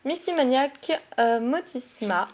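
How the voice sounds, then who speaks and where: A woman chatting excitedly while opening trading card packs, giggly and quick to correct herself. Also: high-pitched. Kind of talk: casual card-opening vlog.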